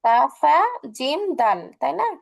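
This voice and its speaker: High, gravelly female tajweed teacher. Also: big pitch swings, unhurried, low-quality recording. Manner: patient, asks questions and answers them herself. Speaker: Quran recitation teacher. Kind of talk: online tajweed lesson.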